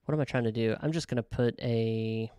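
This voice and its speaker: A man casually talking through a software tutorial, thinking aloud with frequent ums and self-corrections. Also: mid-range voice, fairly quick, clean tone, no echo, clean studio sound. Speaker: web developer tutorial host. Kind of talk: casual screen-recorded software walkthrough.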